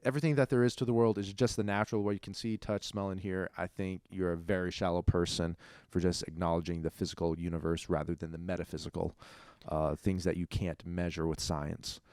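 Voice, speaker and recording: A young man co-hosting a casual faith podcast, talking in animated bursts and laughing often. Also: sits low, fairly quick, hardly any pauses, clean tone, dry recording, studio quality. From Ukraine. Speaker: podcast co-host. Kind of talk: casual chat.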